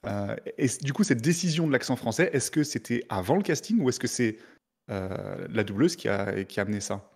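A man's voice: mid-range voice, expressive, brisk, vocal fry, darkish tone, breathy edge. A man from France hosting a casual interview, stammering and repeating words as he builds his question. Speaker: interviewer host.

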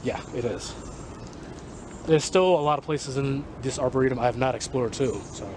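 A man's voice: mid-range voice, normal speed. Man vlogging outdoors in a park. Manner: chewing gum, slightly mumbled speech. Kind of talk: casual walking vlog chat. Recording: outdoor camera audio with loud background noise.

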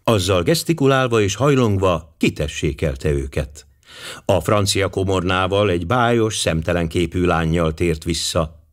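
Male audiobook narrator, low-ish voice, expressive, wide-ranging. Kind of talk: scripted narration.

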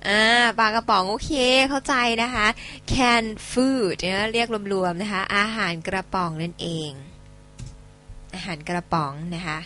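A woman's voice: medium pitch, a little slow, sharp tone, slight background noise. A female English teacher with a Thai accent, a native Thai speaker, giving a chatty online vocabulary lesson, spelling words letter by letter and laughing often.

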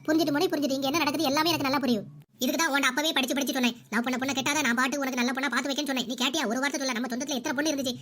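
A woman voicing a bossy, sarcastic older mother-in-law in a cartoon, nagging rapidly. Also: high-pitched, steady tone, fairly bright tone. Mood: scolding. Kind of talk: cartoon voice acting.

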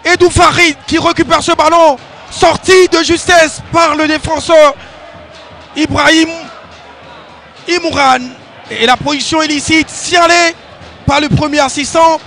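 A man giving excited live football play-by-play commentary, exclamatory and repeating phrases for emphasis. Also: very high voice, unhurried, creaky, soft background music, a faint crowd.

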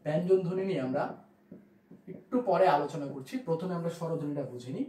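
A man's voice: fairly high pitch, quick pace, warm tone, roomy sound, low-quality recording. A man teaching a grammar lesson, who explains step by step, repeats key points and asks his listeners questions. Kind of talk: classroom lesson explaining at a board.

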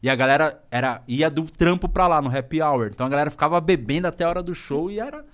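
A man tells stories as a podcast guest, talking at a rapid clip in a somewhat high voice. He is a stand-up comedian, slangy and animated, and he swears freely. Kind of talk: casual storytelling on a podcast.

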